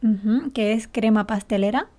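Woman, kinda high voice, chatting on a podcast, patient explainer, laughs a lot. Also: normal speed, darkish tone. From Canary Islands. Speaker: podcast co-host and Spanish teacher. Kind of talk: casual chat.

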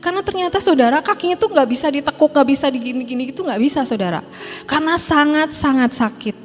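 A woman's voice: high voice, expressive, fast. A middle-aged woman pastor giving a conversational sermon, telling a personal story and often addressing the congregation directly. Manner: conversational preaching, often addressing listeners as brothers and sisters. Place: church hall. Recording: long hall reverb, music behind.

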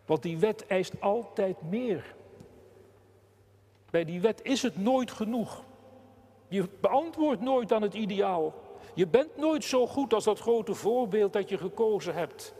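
A man preaching a sermon slowly and deliberately, with long pauses and passionate emphasis. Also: high-pitched, lively intonation, mellow, big-room sound. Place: church.

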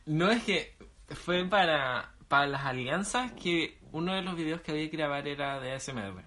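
A young Chilean man with a slightly raised voice, chiming in with quick playful remarks. His casual podcast chat is slangy and light, with a faint hiss underneath. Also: a little high, bright, forceful tone. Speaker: podcast co-host.

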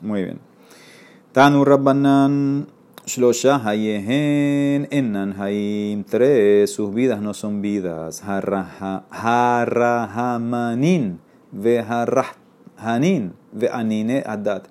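Speaking very slowly in a smooth, slightly mellow, medium-pitched voice, a man teaches Talmud. He reads from the Aramaic, explains in Spanish, and regularly checks with listeners with "¿ok?".

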